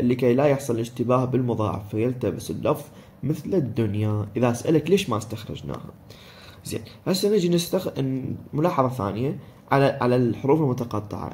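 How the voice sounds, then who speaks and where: A man with an Iraqi Arabic accent gives a recorded lesson, walking through each rule in turn. He poses questions and answers them himself, at a middle pitch. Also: warm tone. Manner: explains step by step, asks and answers his own questions. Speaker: teacher. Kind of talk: recorded lesson on Quran recitation rules.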